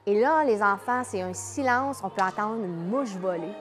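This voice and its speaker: A woman's voice: mid-range voice, moderate pace, soft background music. Enthusiastic woman with a Quebec accent. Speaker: children's entertainer, company president. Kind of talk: promotional interview, explaining a show.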